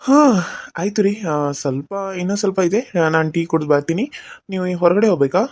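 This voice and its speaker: A man's voice: high-pitched, quick pace, darkish tone, no room sound. A man voicing a young husband who muses aloud to himself in a cartoon serial. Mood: musing. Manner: casual thinking aloud.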